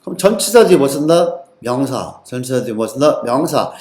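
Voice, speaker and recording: Lively, quizzing male exam tutor. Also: medium pitch, moderate pace, roomy sound. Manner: call-and-response quizzing, repeats answers. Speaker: TOEIC English teacher. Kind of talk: lecture-style exam lesson.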